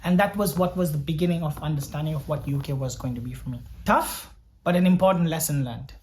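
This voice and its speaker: A young doctor from Sri Lanka tells his story in a personal vlog, earnest and reflective, often repeating words as he thinks aloud. His voice is a little high, fast, and a little mellow, with a little hiss or hum.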